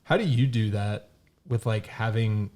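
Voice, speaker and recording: A man's voice: lowish voice, unhurried, a little mellow. A man co-hosting a casual talk podcast, talking in a rambling, storytelling way with lots of fillers. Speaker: podcast co-host. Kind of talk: casual conversation.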